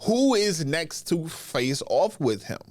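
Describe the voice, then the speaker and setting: On the high side and very animated, the stuffy, congested voice belongs to a man hosting a casual solo wrestling podcast while recovering from a cold. He draws out his phrases and pauses between them, in a dry recording.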